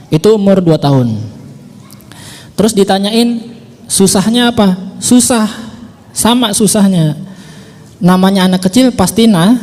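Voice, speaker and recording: A man with a high but mellow voice talks in a relaxed, advice-giving way, going back over his points with patient repetition. His voice rings with a long reverb, as if recorded in a large hall. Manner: patient, repeats points, many 'ya' fillers. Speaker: father sharing how he taught his son.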